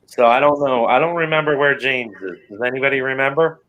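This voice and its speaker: Bright, forceful man in casual chat. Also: medium pitch, fast, highs cut off.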